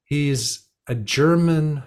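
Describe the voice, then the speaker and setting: A man hosting a podcast, introducing his guest in an informal, halting and teasing way. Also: a little high, a little mellow, smooth. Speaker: podcast host. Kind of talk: casual interview introduction.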